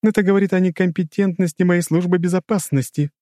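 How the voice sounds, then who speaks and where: A man's voice: fairly even intonation, fast, warm tone, no room sound, clean studio sound, close to an everyday voice. A man voicing an amused, commanding woman who runs a crime ring, in a raised put-on voice. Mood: imperious. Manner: mocking, imperious, high put-on voice.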